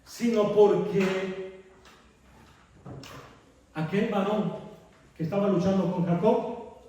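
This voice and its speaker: A man preaching to his congregation in a high voice, unhurried and deliberate, throwing questions at the listeners and circling back to repeat his key lines. He is picked up from some distance in a strongly echoing church hall. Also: fairly even intonation, mellow. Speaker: pastor. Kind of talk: sermon. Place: church sanctuary. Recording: echoey church hall, mic far off.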